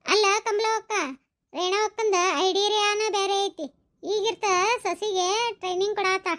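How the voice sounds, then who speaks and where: Cartoon village gossips, North Karnataka accent, piercing high and bright. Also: female voice, little pitch movement, measured pace. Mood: teasing. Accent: North Karnataka Kannada. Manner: teasing, gossipy, rustic. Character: gossipy middle-aged village women farm workers. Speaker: cartoon voice actor.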